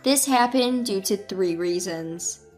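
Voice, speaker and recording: A woman in her twenties telling her own story as scripted first-person narration in an even, measured way. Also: medium pitch. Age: 20s. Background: faint music.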